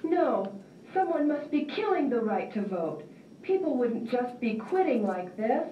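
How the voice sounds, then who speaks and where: An earnest young woman pleads her case in a high, lively voice, played by an actress. She sounds distant and roomy, as if caught on a dull lo-fi recording. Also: measured pace, a little hiss or hum. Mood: pleading.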